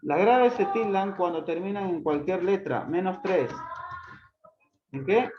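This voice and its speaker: The teacher here speaks unhurriedly at a medium pitch, going through grammar in class, quizzing students by name over and over and scolding them for not reviewing the book. It was captured in an echoey room with dull, lo-fi sound and loud noise behind.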